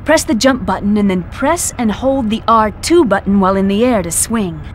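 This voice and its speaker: A woman's voice: mid-range voice, expressive, moderate pace, lightly acted. Lady as confident game heroine giving tutorial tips, medium voice, faint noise behind. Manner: familiar, instructive. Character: confident, helpful female costumed ally. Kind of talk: video game tutorial dialogue.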